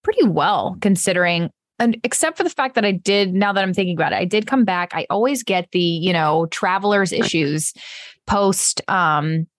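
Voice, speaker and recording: A woman's voice: fairly low pitch, lively intonation, moderate pace, no room sound. A woman, around her thirties, co-hosting a podcast in a casual, conversational way. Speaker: podcast co-host. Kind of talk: casual chat.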